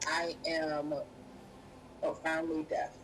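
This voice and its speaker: A woman with a low voice works as a sign language interpreter, voicing a deaf guest during a live interview. Her phrasing is measured and halting, her delivery monotone, and the recording is noisy.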